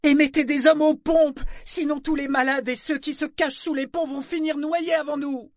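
A man voicing a frightened young boy who shouts orders on a ship in a storm, in a high, strained voice. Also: a little fast, dry recording, clean studio sound. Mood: desperate shouting. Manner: high, strained, desperate yelling.

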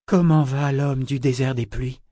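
A man's voice: mid-range voice, fairly even intonation, unhurried, dark tone, no echo, voice pushed up, natural voice. A man voicing a living female ship figurehead who speaks pensively.

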